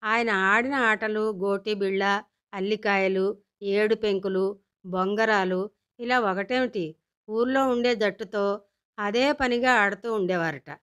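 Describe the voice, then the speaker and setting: A woman's voice: medium pitch, fairly even intonation, a little slow, a bit bright, clear, resonant tone, close to an everyday voice. A woman voicing an exasperated, practical mother who patiently explains things to her daughter in a storybook reading. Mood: explaining. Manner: explaining patiently, with dry grumbles.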